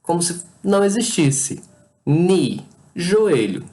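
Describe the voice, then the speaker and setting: An animated, medium-pitched voice belongs to an English teacher whose accent is Brazilian Portuguese. At a slow pace, the teacher patiently goes over pronunciation, saying each word again and over-enunciating its sounds.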